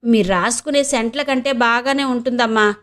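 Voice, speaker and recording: A defiant housemaid full of cheek, drawling her taunts with open mockery, as a female narrator puts her on. The voice runs somewhat high, and it comes from an audiobook reading. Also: steady tone, moderate pace, fairly bright tone, close to an everyday voice. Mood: taunting. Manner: mocking, taunting.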